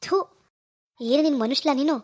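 A woman's voice: sits high, normal speed, darkish tone, close to an everyday voice. A woman voicing a worried, jealous young husband from a village, scolding and muttering to himself. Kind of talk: cartoon voice acting.

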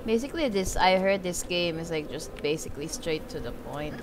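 In a chatty let's-play, a woman comments as she games, musing aloud and trailing off partway through ideas. She speaks briskly and expressively in a voice on the low side, over game music and a noisy background.

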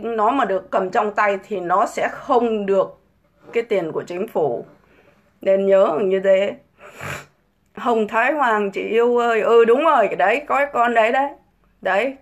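A middle-aged woman ranting scornfully on a casual livestream, full of mocking rhetorical questions. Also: mid-range voice. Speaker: livestream host.

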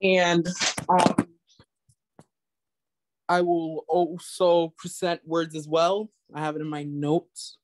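A man's voice: a little high, level tone, takes it slowly, pauses often, low-quality recording. A man in his twenties presenting his artwork on a video call, hesitant and apologetic at times. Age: 20s. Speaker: student artist presenter. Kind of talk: casual presentation.

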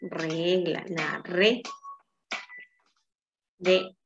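A woman's voice: on the low side, fairly even intonation, extremely slow, dull audio. A woman teacher leading a patient phonics lesson for children, often checking in with "¿sí?".

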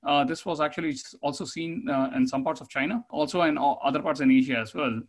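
A man's voice: fairly high pitch, fast talker. A man giving a webinar slide presentation over a video call, explaining steadily with many fillers and restarts. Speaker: conference presenter.

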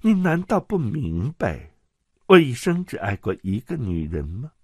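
A man's voice: medium pitch, big pitch swings, measured pace, slightly rough, no room sound, clean studio sound, voice pushed up, exaggerated voice. A man voicing a silky, scheming nobleman. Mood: mocking. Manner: coaxing, silky, falsely tender. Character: smooth scheming nobleman, soothing and sly. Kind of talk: audiobook character voice.

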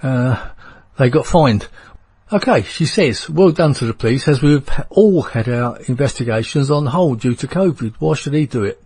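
A man's voice: mid-range voice, expressive, normal speed, a little mellow, breathy edge. A man with a London accent hosting a radio show, chatting casually and rambling with fillers. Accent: London English. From England.

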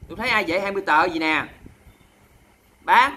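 A man with a Southern Vietnamese accent hosts a charity livestream at a rapid clip. His voice is very bright and sharp, and he talks in a sassy, theatrical way, scolding his viewers in jest. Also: sits high, animated. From Mekong Delta, Vietnam. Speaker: livestream host.

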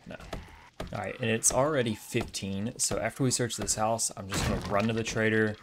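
Male gamer, low register, chatty self-mocking play-by-play, faint background noise. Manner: chatty, self-mocking, talks to himself while looting. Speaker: gamer playing a survival game. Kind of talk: casual gameplay commentary.

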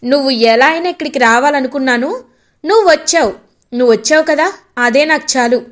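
A woman's voice: sits high, a little fast, lightly acted. A woman voicing a confident, scheming young woman who openly declares she will win a man over.

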